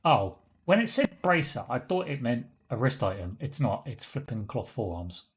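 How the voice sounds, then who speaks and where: Husky-voiced man streaming a game. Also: mid-range voice, sing-song, moderate pace. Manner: rambling, wry, chuckling asides. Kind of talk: casual live-stream commentary.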